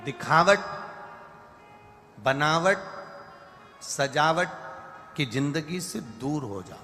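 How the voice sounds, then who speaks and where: Preaching man with a higher voice in a reverberant hall. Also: lively intonation, very slow, pushed and bright. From India. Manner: preaching with repetition and sung chants. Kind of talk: devotional sermon with sung verses. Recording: long hall reverb with faint music.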